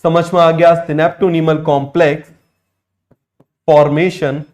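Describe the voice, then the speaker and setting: A man teaching biology in a fast exam-prep lecture, firing quick questions at students and repeating key terms slowly, mixing with terms. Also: fairly high pitch, little pitch movement, darkish tone. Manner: rapid, drilling questions, repeats answers slowly.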